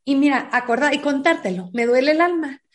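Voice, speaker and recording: A woman with a high, brisk voice earnestly tells a personal story as an interview guest, acting out the dialogue she remembers. She is a foundation founder.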